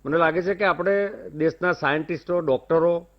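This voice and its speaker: Courteous Gujarati debate guest on a muffled line. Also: male voice, a little high, a little fast. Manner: formal, courteous, praising. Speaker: debate guest, industry-side panelist. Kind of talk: measured debate commentary.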